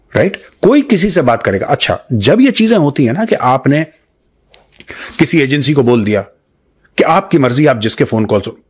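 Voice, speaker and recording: Addressing viewers with unscripted political commentary, this Indian-accented man is emphatic, asks rhetorical questions, repeats phrases, and switches into English phrases. His voice is a little high, creaky, and has a breathy edge.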